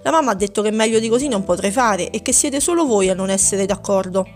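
A woman's voice: medium pitch, fast talker, natural voice. A woman voicing an insecure young male hare. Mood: hurt. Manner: plaintive, defensive.

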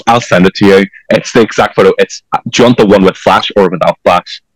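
Animated man with a Portuguese accent. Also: fairly quick, no echo, low-quality recording. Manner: animated, bursting into laughs and high exclaims. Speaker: podcast guest, drag performer. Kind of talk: casual chat.

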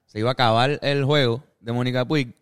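Puerto rican guy chatting w friends, relaxed, slangy, dry close mic. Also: mid-range voice, fairly quick, clear, resonant tone, no echo. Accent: Puerto Rican Spanish. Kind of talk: casual chat.

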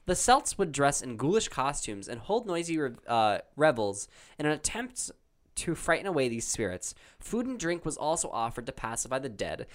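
A man with a lively, swooping voice reads quiz questions and trivia answers to a friend in a relaxed chat. He stumbles, restarts and laughs easily, his pitch jumping up and down as he goes. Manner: animated, halting, laughs often. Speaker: quiz reader. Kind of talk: casual chat reading trivia aloud.

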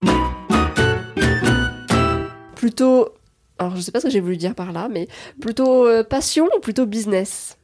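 A woman hosting a podcast interview, chatty and quick to laugh, with plenty of fillers. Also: on the high side, dark tone, soft background music. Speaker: podcast host. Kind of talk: casual interview.

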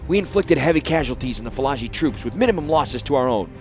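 A man's voice: medium pitch, lively intonation, fast, a little mellow, soft background music, natural voice. A man reading an audiobook, voicing a dutiful male captain of the guard who reports in a formal, deferential military manner. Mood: reporting. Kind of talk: audiobook character voice.

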